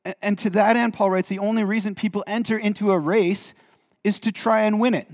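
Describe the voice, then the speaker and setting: A man's voice: high-pitched, fairly even intonation, a little fast. A man preaching a sermon as a pastor, earnest, often repeating words as he goes. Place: church hall. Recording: reverberant church hall.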